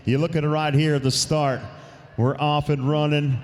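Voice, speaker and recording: A man calling tie-down roping runs live at a rodeo, quick and upbeat, and joking with a co-announcer between runs. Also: fairly high pitch, flat delivery. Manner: quick, upbeat calls with easy laughter. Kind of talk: live rodeo commentary and banter.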